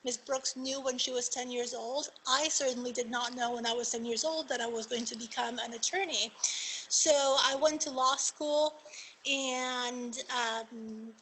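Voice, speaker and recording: A woman's voice: fairly high pitch, steady tone, unhurried, fairly bright tone, a little hiss or hum, rough recording. A woman from Argentina whose first language is Spanish, a magistrate judge speaking earnestly and encouragingly to students on a career panel.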